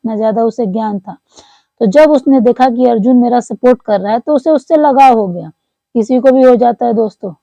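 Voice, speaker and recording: A woman's voice: fairly high pitch, mellow, no echo, lo-fi sound. A woman recounting a story to her viewers in earnest, repetitive commentary, often calling them friends. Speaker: commentator on online creators.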